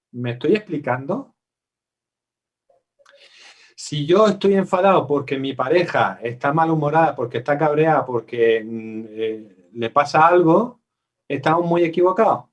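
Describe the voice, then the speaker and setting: A man's voice: medium pitch, recorded from a distance. Man teaching parents. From Spain. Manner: conversational, asks the audience questions, acts out quotes. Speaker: psychologist giving a parenting workshop. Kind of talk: live workshop talk to parents.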